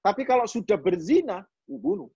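A man's voice: very high voice, very animated, a little fast, creaky, mellow, husky, dry recording. A man with an East Javanese accent giving a hadith study lecture, talking conversationally, repeating key phrases and often turning to his listeners. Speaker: religious teacher. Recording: dull lo-fi recording.

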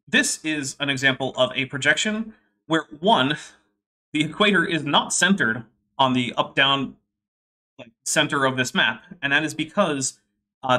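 Hosting a relaxed stream from home, a young man reads super chats out loud and chats with dry wit. He has a sharp-toned, mid-range voice.

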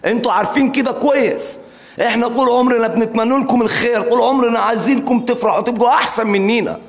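A man making an impassioned, repetitive plea in a live interview. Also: sits high. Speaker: interviewee, brother of a singer.

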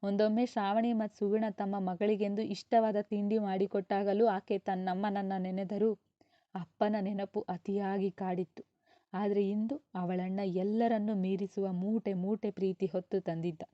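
A woman storyteller reading a serialized novel aloud in a calm, even, unhurried way. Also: medium pitch, no room sound. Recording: dull, slightly lo-fi dry sound.

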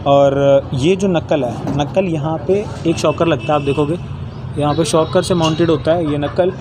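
A man's voice: a little high, fairly even intonation, normal speed. A young man in his twenties hosting a casual vlog, walking viewers through car parts step by step with some hesitation. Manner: hesitant, pointing things out step by step. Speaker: channel host explaining car mechanics. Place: outdoor garage workshop. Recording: street and vehicle noise behind.

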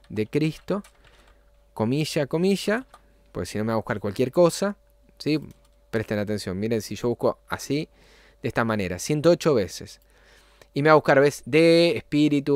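Man, casual step-by-step tutorial, frequent check-in questions, mid-pitched voice, dry close sound. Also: no room sound. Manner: explanatory, often checks in with a quick "¿sí?". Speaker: channel host giving a software tutorial. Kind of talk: casual screen-recorded tutorial.

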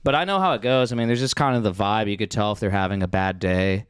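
A man chats as a podcast co-host. His voice is smooth and clean, recorded dry. He tells stories casually, with plenty of slang and swearing. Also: fairly low pitch, quick pace, no room sound. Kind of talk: casual profane podcast banter.

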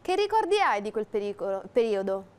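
A woman's voice: mid-range voice, sing-song, fairly quick, clear, resonant tone. A woman in her thirties hosting a TV morning show from a studio, putting prepared interview questions to a guest. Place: television studio.

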